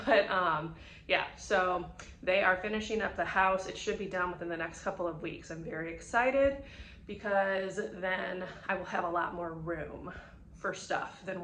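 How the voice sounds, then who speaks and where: Bright-voiced woman filmed on a phone. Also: fairly low pitch, reverberant, slight background noise. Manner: chatty, rambling, with many fillers. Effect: filmed on a handheld phone. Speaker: reading vlogger. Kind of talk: casual vlog update. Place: echoey, mostly empty house. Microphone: phone held in hand.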